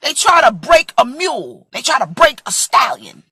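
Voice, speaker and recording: Woman in her 40s preaching hard on a vlog, lively swooping voice, dry close sound. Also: high voice, moderate pace, no room sound. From Brooklyn, USA. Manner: impassioned, emphatic, acts out quoted voices. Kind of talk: vlog sermon.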